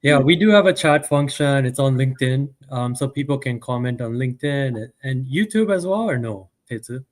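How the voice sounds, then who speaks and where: A man's voice: mid-range voice, expressive, normal speed, few pauses. Easygoing male podcast co-host. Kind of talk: casual video-podcast chat.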